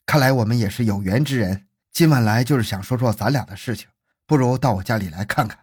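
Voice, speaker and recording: A man voicing a smooth-talking con man in a spoken crime story, close to his own voice. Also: medium pitch, quick pace, dry recording, natural voice. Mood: sweet-talking. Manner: honeyed, then harsh.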